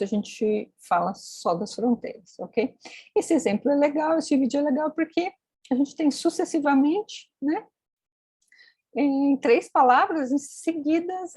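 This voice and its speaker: A woman's voice: sits high, a little mellow, dry recording. A woman teaching phonetics in a screen-recorded tutorial, explaining step by step and checking in with tag questions. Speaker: phonetics instructor.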